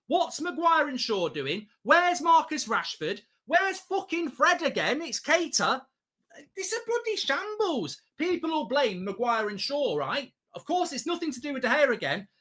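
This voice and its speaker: A man's voice: very high voice, sing-song, a little slow, sharp tone. A man, reacting live to a football match as a watchalong host, exasperated, emphatic, repetitive and sweary. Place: small indoor studio set at a desk.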